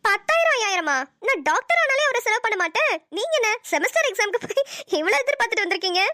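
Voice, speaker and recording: A woman's voice: very high voice, lively intonation, fast talker, bright, forceful tone, dry recording, clean studio sound, full character voice. A woman voicing a cheeky young female college student in a cartoon, teasing and playful in her banter. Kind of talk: cartoon voice acting.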